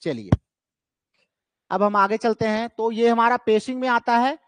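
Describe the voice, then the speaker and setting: A man with an Indian accent giving an exam-prep literature lecture. He explains step by step, asks and answers his own questions, and slows down to read out English terms. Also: very high voice, fairly bright tone, clean tone, no echo.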